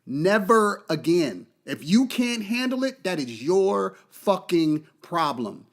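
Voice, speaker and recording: A man's voice: high voice, big pitch swings, slow. A man hosting a podcast, delivering an impassioned, profane monologue and repeating key phrases for emphasis. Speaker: podcast host.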